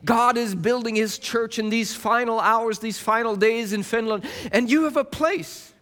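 A man's voice: very high-pitched, normal speed, a bit bright. A male pastor preaching a sermon with fervent, emphatic delivery.

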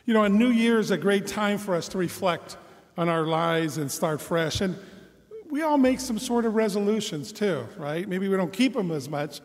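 A man's voice: sits high, animated, moderate pace. A man reading the gospel and giving a casual homily with light humor, his voice ringing with cathedral echo in a large church. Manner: conversational, self-deprecating humor with fillers. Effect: cathedral echo, long church reverb. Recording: long reverb in a large church.

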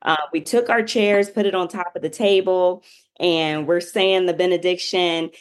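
A woman's voice: fairly low pitch, steady tone, normal speed. Chatty woman telling her story. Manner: chatty, many fillers like "you know". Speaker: interview guest. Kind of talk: casual interview storytelling.

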